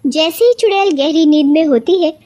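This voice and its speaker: A woman's voice: high voice, moderate pace. Woman telling a cartoon story. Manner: plain, steady storytelling. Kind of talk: scripted bedtime story narration.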